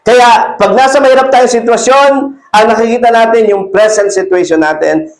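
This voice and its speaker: High-voiced pastor preaching. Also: male voice, roomy sound, poor audio. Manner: mixes Tagalog and English, reads Bible verses slowly; rises and grows louder when exhorting. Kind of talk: sermon. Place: church hall.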